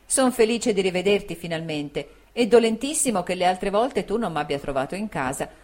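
A woman's voice: mid-range voice, animated, normal speed, a little mellow, close to an everyday voice. A woman reading the part of a polite young man who speaks to an old friend in an audiobook. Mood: friendly.

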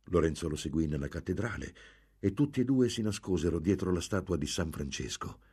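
A man's voice: animated, brisk, mellow, husky. A man reading a story aloud, giving each character a voice. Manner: voices each character with raised pitch and force. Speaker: narrator. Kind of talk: dramatic audiobook reading.

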